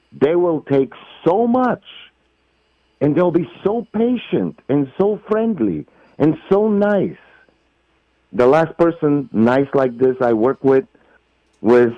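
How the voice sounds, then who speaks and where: A man's voice: mid-range voice, no room sound. A middle-aged man with a Bulgarian accent, an actor speaking effusively in a phone interview. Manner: effusive, emphatic, non-native phrasing. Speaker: actor guest. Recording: muffled phone line.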